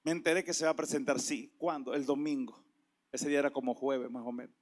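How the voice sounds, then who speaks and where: A man preaching a sermon with passion, dropping to a hush and then rising to shouts. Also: mid-range voice, fairly even intonation, fairly quick. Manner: impassioned, swings from hushed to shouting.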